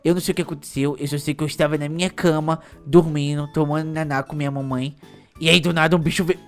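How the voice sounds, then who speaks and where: A man's voice: a little high, steady tone, quick pace, soft background music, natural voice. A man voicing a bratty, easily stressed little boy with a whiny, panicky manner and cheeky insults, in a Minecraft role-play.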